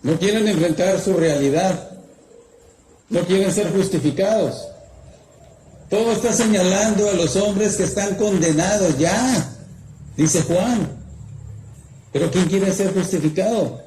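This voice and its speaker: A man's voice: sits high, unhurried, long pauses, dark tone. A man preaching a campfire sermon, telling a story and asking rhetorical questions. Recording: roomy echo, faint background noise.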